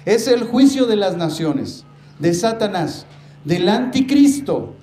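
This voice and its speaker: A man preaching to his congregation with a rather high voice, pressing hard on his main points and drawing words out for weight. He keeps turning to the listeners as brothers. The sound is roomy, with a faint hiss behind it. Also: sing-song, mellow. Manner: emphatic, slows down to stress key words. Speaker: pastor. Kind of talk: sermon. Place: church. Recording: echoey church room with faint noise.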